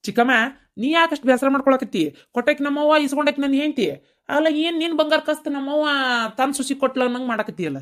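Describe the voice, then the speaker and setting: A woman voicing an affectionate young grown son who speaks loudly and pleadingly, with a North Karnataka accent. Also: mid-range voice, fast, natural voice. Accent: North Karnataka Kannada.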